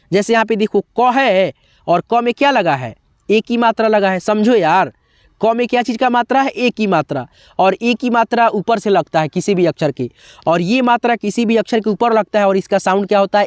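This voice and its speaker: A man's voice: high voice, no room sound, studio quality. A man teaching a beginners' alphabet lesson, asking questions and answering them himself, then chanting syllables one by one. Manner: repetitive, asks and answers his own questions; drawn-out chanted syllables in drills. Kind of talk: blackboard-style alphabet lesson.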